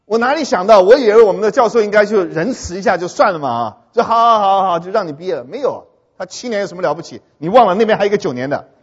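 A man giving a humorous talk to an audience, animated and often stopping to ask whether his listeners have understood. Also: high voice, fast, breathy edge. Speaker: speaker addressing an audience. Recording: dull long-reverb hall recording.

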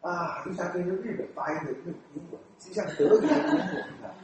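A man from Taiwan speaking Mandarin with a Taiwanese accent, a church elder telling stories in a lively way, often laughing and mimicking people. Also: high-pitched, quick pace. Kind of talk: storytelling talk. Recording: very echoey room with faint noise.

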